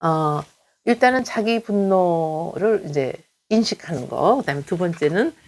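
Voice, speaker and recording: A middle-aged woman speaking in a fairly low voice as a counseling professor. Her explanations are calm and steady, with frequent pauses and fillers. Now and then she acts out the things people say to each other. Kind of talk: lecture-style talk on counseling.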